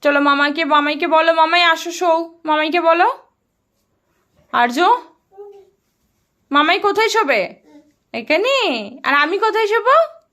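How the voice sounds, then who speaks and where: A young mother speaks with a Bengali accent in a high, bright voice that swings widely in pitch. She coaxes her little son in a playful sing-song, then drops to quiet asides for the camera. It is casual, homey vlog talk. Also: animated, a little slow, pauses often. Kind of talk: casual family vlog narration and talk to a child.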